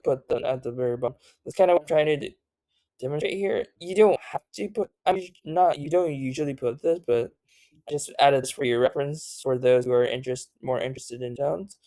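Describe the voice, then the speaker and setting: A tired language tutor giving a casual spoken lesson, halting often with fillers and self-corrections. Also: medium pitch, warm tone, dry recording. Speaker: language teacher.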